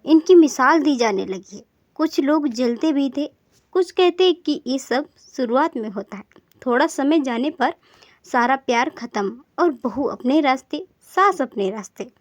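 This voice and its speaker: A woman narrating a family story in a steady, even storybook style. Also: sits high, unhurried, dry recording, lo-fi sound.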